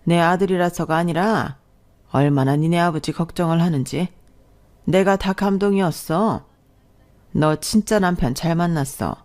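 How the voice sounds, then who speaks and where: A woman's voice: lowish voice, normal speed, darkish tone, close to an everyday voice. A woman reading the lines of a chatty middle-aged mother-in-law who fusses and reassures. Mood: reassuring.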